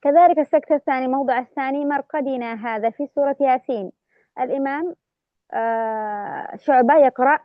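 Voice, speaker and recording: A woman teaching Quran recitation rules, explaining each rule and then reciting the verses slowly and drawn out. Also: high-pitched, no echo. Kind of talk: tajweed lesson with recited examples. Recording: dry, dull lo-fi audio.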